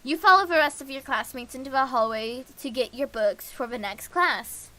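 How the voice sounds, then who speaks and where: A woman with a high, bright, forceful voice streams a visual novel at a normal speed. She reads the narration and every character's lines aloud herself, often stumbling a little and restarting.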